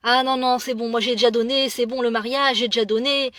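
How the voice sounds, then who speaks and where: Animated, high-voiced woman telling a story. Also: brisk, no echo. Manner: animated, acts out dialogue, many repeated words. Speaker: religious speaker. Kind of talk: storytelling monologue.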